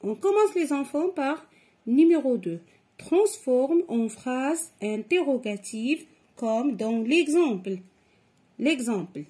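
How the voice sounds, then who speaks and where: A woman's voice: high voice, lively intonation, slow pace, mellow. A woman teaching a grammar lesson to children, explaining patiently and step by step. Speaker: French teacher.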